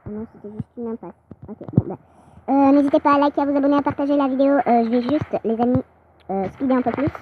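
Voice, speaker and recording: A woman giving excitable, chatty gameplay commentary, her voice sped up and pitched higher. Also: fast. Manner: excitable, chatty, frequent exclamations. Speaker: game channel host. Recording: dull lo-fi audio with clear noise.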